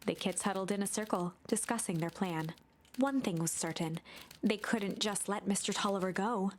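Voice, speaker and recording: A woman as a calm storybook game narrator. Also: mid-range voice, moderate pace, a little hiss or hum, close to an everyday voice. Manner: drops to a hushed whisper for tense passages. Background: game music.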